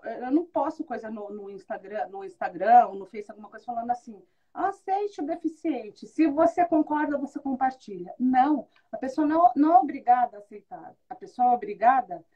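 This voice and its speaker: Her voice is a little high and husky, and she talks fairly quickly with hardly any pauses over dull audio. Interviewed casually about being a mother, she shares good-humored stories, acts out what people said with animation, and laughs a lot.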